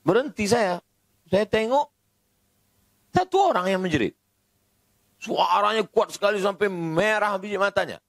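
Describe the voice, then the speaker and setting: A man's voice: high voice, a little slow, creaky, pauses often, no echo. A middle-aged man preaching a sermon, telling stories animatedly and acting out the voices of the people he quotes. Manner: animated storytelling, acting out quoted voices, rising to near-shouts.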